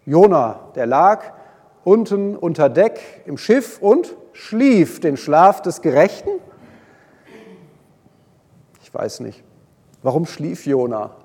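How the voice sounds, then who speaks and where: A man preaching a sermon, retelling a Bible story with lively swings between loud and hushed delivery. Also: a little high, slow, husky. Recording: long hall reverb.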